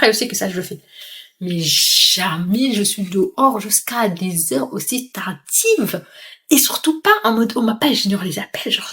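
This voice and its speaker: A young woman in her twenties tells a storytime vlog. She narrates in an animated, expressive way and acts out the scenes as she goes. Her voice sits at a middle pitch. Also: husky. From Comoros and Mayotte. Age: 20s. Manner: animated retelling, mimes crying and pleading. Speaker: vlogger.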